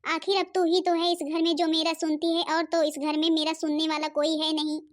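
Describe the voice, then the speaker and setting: A woman's voice: extremely high pitch, little pitch movement, brisk. A woman voicing a fretful, self-pitying old mother-in-law in a cartoon, complaining plaintively. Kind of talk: Hindi cartoon voice acting.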